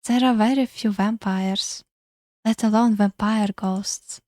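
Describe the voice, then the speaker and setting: A woman voicing a gloomy, melancholy female vampire ghost from a dating game, speaking in a slow, airy, eerie way. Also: medium pitch, fairly even intonation, warm tone, no room sound, clean studio sound, close to an everyday voice. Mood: wistful. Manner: slow, solemn, philosophical. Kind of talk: reading a game character aloud.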